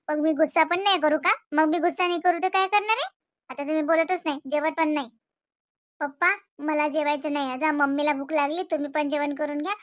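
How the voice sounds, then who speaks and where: A woman voicing a sulking, complaining teenage schoolgirl in an animated cartoon, with a Varhadi Marathi accent. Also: very high voice, dry recording, clean studio sound. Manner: whiny, complaining.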